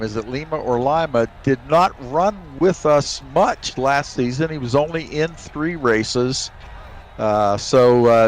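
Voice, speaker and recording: A man doing color commentary on a race broadcast in a relaxed, hesitant way, with many fillers. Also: mid-range voice, a little hiss or hum.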